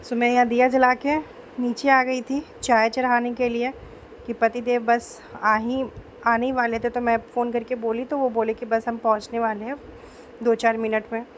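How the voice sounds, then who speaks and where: Young female home vlogger, sore throat, gentle chatty voice-over, faint background hiss. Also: a little high, flat delivery, normal speed. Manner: chatty, homely, mixes in English words. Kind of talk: casual voice-over narration.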